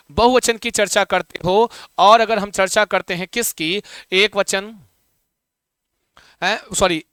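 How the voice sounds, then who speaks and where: A man's voice: high-pitched, pushed and bright, clear, resonant tone, no room sound, studio quality. A man teaching a live online class in a chatty way, repeating key points and quizzing his students.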